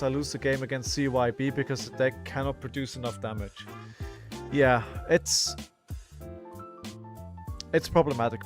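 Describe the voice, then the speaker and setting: A hoarse man on a headset mic, casually commenting on a live card game while he plays, halting and repeating words as he thinks aloud. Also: mid-range voice. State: hoarse, coughing.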